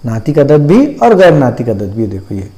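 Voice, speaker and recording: A man teaching a maths lesson step by step, putting questions to his students and answering them himself, and repeating terms and numbers slowly. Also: medium pitch, big pitch swings, mellow. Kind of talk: classroom-style video lesson.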